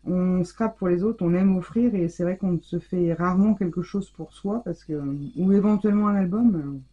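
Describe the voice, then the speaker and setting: On dull audio, a scrapbooking channel host with a fairly low, slightly rough voice speaks at normal speed. In this casual mail-opening vlog, she raves enthusiastically about each handmade gift she unwraps.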